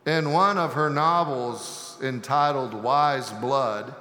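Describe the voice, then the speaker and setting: A man preaching a sermon as pastor, telling a joke story at a slow, deliberate pace. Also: mid-range voice, sharp tone. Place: church sanctuary. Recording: echoey sanctuary with long reverb.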